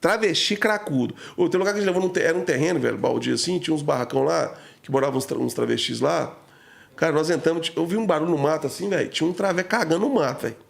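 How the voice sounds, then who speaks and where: A man with a strongly gravelly, creaky voice that sits a little high for a man, talking very fast. He tells stories in a loose, slangy, emotional way and packs his speech with fillers. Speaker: podcast guest. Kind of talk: casual storytelling.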